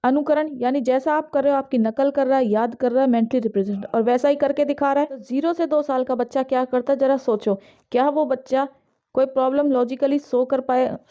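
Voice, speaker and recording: A woman with an Indian accent giving an exam-prep lesson, reading English questions slowly and explaining them briskly in Hindi. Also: high-pitched, mellow. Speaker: teacher. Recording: dull lo-fi audio.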